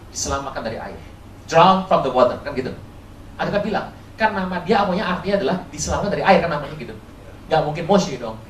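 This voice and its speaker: A man's voice: high-pitched, fairly bright tone, slight background noise. Man preaching in an echoey hall. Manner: rhetorical questions to the audience, playful storytelling. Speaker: pastor. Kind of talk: lively sermon to a congregation. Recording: roomy, distant hall recording with faint ambience.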